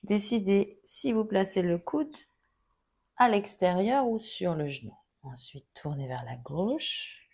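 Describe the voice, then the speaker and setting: A woman teaching a yoga class, giving calm, gently guiding cues through each pose. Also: mid-range voice, takes it slowly, husky. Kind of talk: guided yoga instruction.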